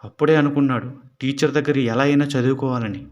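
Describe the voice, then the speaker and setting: A man narrating a horror story in a steady storytelling manner. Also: medium pitch, fast talker, highs cut off, soft background music.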